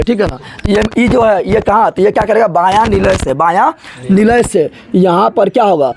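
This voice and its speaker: High gravelly guy teaching biology, keeps asking the class stuff and answering it himself, bit of hiss behind. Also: a little mellow. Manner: drills students with repeated questions and answers; colloquial, regional turns of speech.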